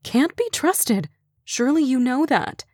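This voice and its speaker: A woman voicing a snippy, suspicious committee member who speaks in a haughty, drawn-out way. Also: a little high, animated, a little mellow, no room sound, clean studio sound, voice pushed up, natural voice.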